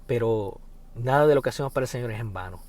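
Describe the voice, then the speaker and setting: A man preaching a sermon, swinging between loud dramatic scripture reading and soft reflective talk, repeating phrases for emphasis. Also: mid-range voice, fast.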